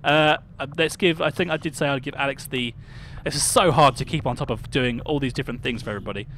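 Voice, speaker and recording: Slight background noise accompanies a young man from the United Kingdom as he streams a game, talking with viewers by name and reasoning out loud. He's a fast talker with a medium-pitched, somewhat bright voice.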